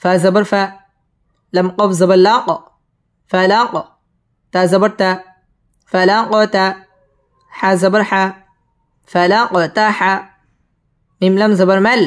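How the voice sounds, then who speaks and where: A man teaching Quran recitation, spelling each syllable slowly and then chanting the verse, with quick spoken explanations of the rules between. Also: steady tone, clear, resonant tone. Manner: explains tajweed rules quickly in a lower, plainer voice. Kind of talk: slow letter-by-letter Quran spelling lesson.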